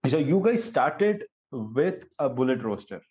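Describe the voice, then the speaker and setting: A man's voice: mid-range voice, big pitch swings, measured pace, darkish tone. Indian man interviewing over dull lo-fi audio. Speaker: interviewer, host. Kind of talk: casual conversational interview.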